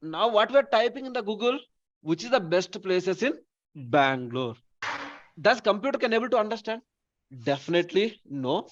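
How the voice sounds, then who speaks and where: Male instructor, Telugu accent, somewhat high pitch, repetitive question-and-answer lecturing, dull lo-fi recording. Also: expressive, moderate pace, slight background noise. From Telugu-speaking region of India. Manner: repeats phrases, poses questions then answers them himself. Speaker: data science instructor. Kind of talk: informal live class with questions to students.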